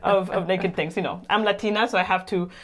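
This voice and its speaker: A woman's voice: mid-range voice, a little fast. Chatty Guatemalan-born woman co-host. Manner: laughs often, lively and chatty. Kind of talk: casual chat. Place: home sauna room.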